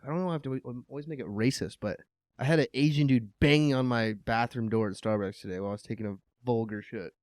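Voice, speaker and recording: A man co-hosting a podcast, telling crude stories in fast, rambling, profane casual banter. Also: medium pitch, no echo, studio quality. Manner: fast, rambling storyteller, curses a lot. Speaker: podcast co-host.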